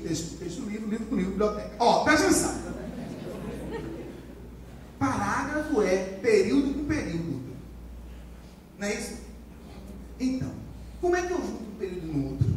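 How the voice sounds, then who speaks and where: A high-voiced Brazilian man leads a lively writing lecture, drilling his class with repeated phrases and call-and-response. He sounds far from the mic in a very echoey classroom with a faint hiss underneath. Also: a little fast, pauses often. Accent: Brazilian Portuguese. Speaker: writing teacher.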